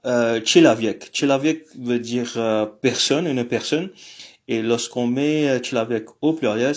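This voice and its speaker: A man teaching a language lesson online, talking in a halting way with many fillers and restarts. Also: mid-range voice, highs cut off. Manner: apologetic about technical glitches.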